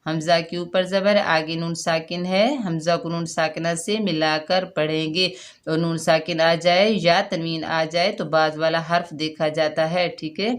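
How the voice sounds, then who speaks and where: Woman teaching quran reading, slightly low voice, patient, repeats every rule, stretches the syllables out slow when she demonstrates. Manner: slow, drawn-out syllables when modelling recitation. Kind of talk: step-by-step recitation lesson.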